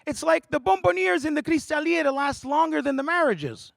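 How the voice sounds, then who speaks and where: A man doing stand-up comedy, animated and quick to switch voices. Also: very high voice, creaky, no echo, studio quality. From Montreal, Canada. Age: 40s. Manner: animated, jumps between voices and languages. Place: theatre studio.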